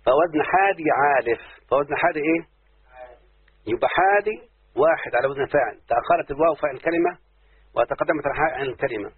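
Heard on a tinny, phone-like lo-fi recording, a man with an Egyptian Arabic accent teaches word forms and keeps quizzing his class with repeated questions. His pitch is fairly high and his pace quick, with a breathy edge.

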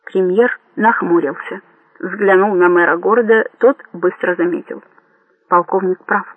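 High-voiced male audiobook narrator. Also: moderate pace, dry recording, narrow, tinny audio.

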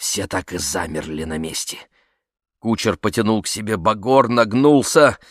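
A man narrating a classic story in a measured, dramatic way. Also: on the low side, a bit bright, dry recording, clean studio sound. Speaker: audiobook narrator. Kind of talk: scripted narration.

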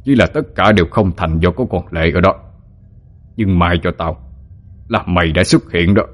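A man voicing a sinister, scheming old male sorcerer who talks in a low, menacing way. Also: moderate pace. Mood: scornful.

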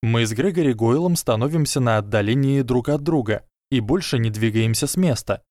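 A man's voice: medium pitch, animated, a little fast, darkish tone, no echo, studio quality, close to an everyday voice. A man voicing a clever, scheming schoolboy wizard who speaks urgently, in a fan-fiction audiobook. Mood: commanding. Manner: urgent, hissing.

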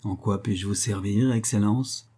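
A man reading aloud and voicing a fawning, shrewd old male banker with a nasal, whining voice, in a low husky register. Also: steady tone, unhurried, mellow.

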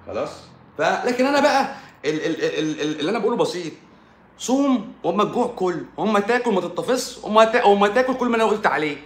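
An Egyptian man, a doctor hosting his own live stream, talking in an animated, sarcastic monologue and repeating points for emphasis. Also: fairly high pitch, roomy sound. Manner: sarcastic, mocks critics in a playful tone; repeats himself for emphasis with frequent stumbles.

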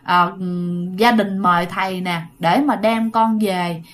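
A gentle old grandmother coaxes a child in a soft, hesitant way, as a woman acts her out. She speaks in a spoken ghost story. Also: lowish voice, steady tone, slow pace, voice pushed down. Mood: coaxing.

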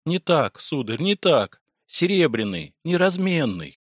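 Storybook figure: a destitute, terrified woman, high and strained, stubborn and pleading, as a male reader puts her on. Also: very animated, unhurried, husky, dry recording, clean studio sound, full character voice. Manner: shrill, pleading, desperate refusals. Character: destitute frightened woman clinging to a coin.

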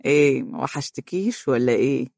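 Sleazy egyptian guy lawyer, mocking tone, quick talk, as narrator plays him, dry sound. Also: mid-range voice, dry recording, close to an everyday voice. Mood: sly. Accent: Egyptian Arabic. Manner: sarcastic, sly. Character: sleazy, mocking middle-aged man lawyer.

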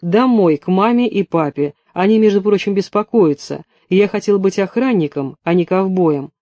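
Man playing a fed-up young guy, tired, complaining, high voice. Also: expressive, normal speed, warm tone, dry recording, dull audio. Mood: exasperated. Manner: tired, exasperated.

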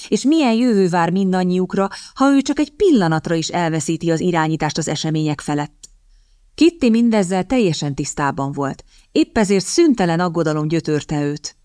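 Calm woman audiobook narrator, low voice. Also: clean tone, dry recording, studio quality. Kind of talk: scripted narration.

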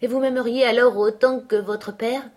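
Reading a novel aloud, a woman lightly acts out a sickly teenage boy who whines, taunts and coaxes, wheedling and needling in a slightly raised, mid-pitched voice. The delivery is plain book narration at a moderate pace.

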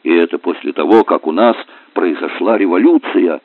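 An earnest, idealistic teenage boy, as a male audiobook reader puts him on, hushed and indignant when he protests. The reader's low voice rides up for the boy's questions. The sound is dry and narrow, like a phone line. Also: moderate pace, dry recording. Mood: indignant whisper.

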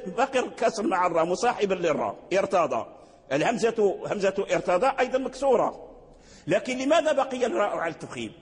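High-voiced Moroccan man teaching recitation. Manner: repeats words, asks and answers his own questions. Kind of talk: religious lecture. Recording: long hall reverb.

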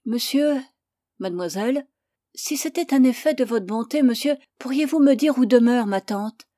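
A tired sixteen-year-old country girl, high and loud, pleading for help, as a woman reader puts her on. The tone stays mellow and the audiobook sound is dry and close. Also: normal speed, no echo, lightly acted. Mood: plaintive. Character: sixteen-year-old peasant girl, weary, naive, eager. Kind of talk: audiobook character voice.

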